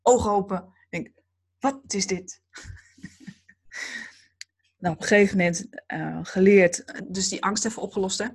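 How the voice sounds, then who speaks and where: A woman giving a spiritual talk to a group, speaking slowly and calmly in a dreamy, reflective way. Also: mid-range voice, husky. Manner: slow, calm, dreamy and reflective.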